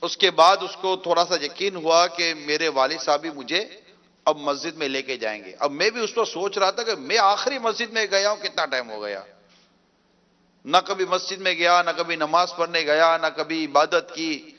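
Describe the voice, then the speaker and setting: A man's voice: a little high, expressive, sharp tone, muffled recording. A man preaching a sermon, telling a story emotively with repeated phrases.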